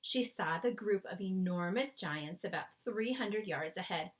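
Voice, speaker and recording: A woman's voice: medium pitch, animated, measured pace. A woman reading a children's story aloud as scripted narration. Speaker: storybook reader.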